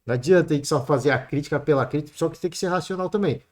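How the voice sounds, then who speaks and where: A man's voice: a little high, rapid-fire. Chatty Brazilian man talking football. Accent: Brazilian Portuguese. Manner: chatty, peppers talk with "né" and "cara". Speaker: sports podcast host. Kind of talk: solo football commentary.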